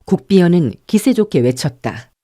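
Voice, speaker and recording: A woman narrating an audiobook in a calm, measured storytelling manner. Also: lowish voice, no room sound, studio quality. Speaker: audiobook narrator and channel host.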